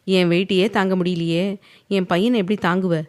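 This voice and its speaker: A woman's voice: on the low side, steady tone, a little fast, darkish tone, close to an everyday voice. A woman voicing a stern, teasing, possessive young husband in an audio novel, reading his lines firmly. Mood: firm, tender.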